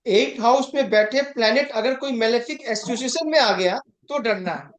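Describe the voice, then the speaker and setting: A man's voice: extremely high pitch, normal speed. A man teaching an astrology class in a conversational way, stressing points and often asking if students follow, with English terms mixed in. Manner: emphatic, keeps checking understanding; mixes English terms into Hindi. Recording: roomy echo.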